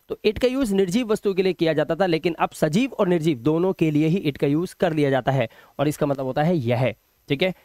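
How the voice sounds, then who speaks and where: Male English teacher, high voice, patient explainer, dry close recording. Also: darkish tone, dry recording. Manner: explaining patiently, repeating words with check-ins. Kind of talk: spoken English lesson.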